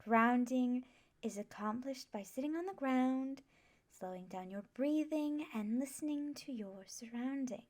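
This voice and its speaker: In an ASMR classroom roleplay, a woman plays a gentle, scholarly professor of magic. Speaking very slowly in a fairly high voice, she guides her new students with patient, reassuring care, her mood calm and instructive.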